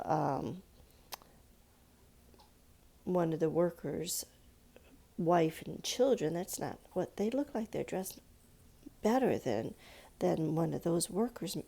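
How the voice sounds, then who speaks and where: A children's art teacher leads an informal, step-by-step drawing lesson, explaining simply and patiently and asking her young listeners questions. Her mid-range voice is creaky and dark in tone.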